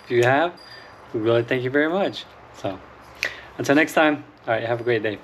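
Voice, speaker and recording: A man hosting a fishing vlog, chatting casually over a meal at home, talking haltingly with lots of ums and uhs. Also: medium pitch, a bit bright, a little hiss or hum. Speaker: fishing channel host. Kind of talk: casual chat while eating.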